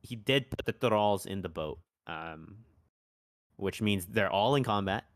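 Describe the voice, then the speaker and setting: Low-voiced man calling a tabletop game. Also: a little slow, dry recording, studio quality. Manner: relaxed, hesitant, many ums and restarts, laughs easily. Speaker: tournament commentator. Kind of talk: casual live game commentary.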